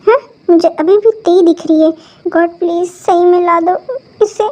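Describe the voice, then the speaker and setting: A woman's voice: very high voice, fairly even intonation, measured pace, darkish tone. Woman voicing a drunk, lovesick young man. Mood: drunk grumbling. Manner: slurred, stammering speech. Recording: dull lo-fi recording.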